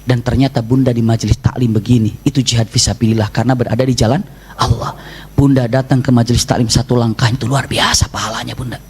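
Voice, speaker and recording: A man preaching to a women's study group, telling a story in a lively way and acting out the speakers in it. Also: fast talker, slightly rough. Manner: animated, swings pitch widely when voicing story figures. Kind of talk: sermon storytelling.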